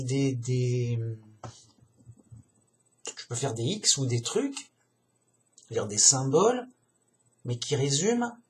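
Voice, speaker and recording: A man musing aloud in a casual, digressive monologue, slangy and chatty, often addressing the listener as a buddy. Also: medium pitch.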